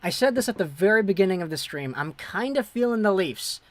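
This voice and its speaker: A young man hosts a casual hockey livestream, chatting loosely while reading viewer messages aloud and thanking subscribers. His high voice is expressive, fairly quick and fairly bright, and the recording is dry.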